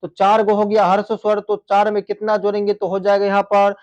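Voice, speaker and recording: A man's voice: high-pitched, completely flat delivery, brisk, muffled recording. A man teaching a grammar lesson for exam students, repeating key phrases and calling his students dear friends.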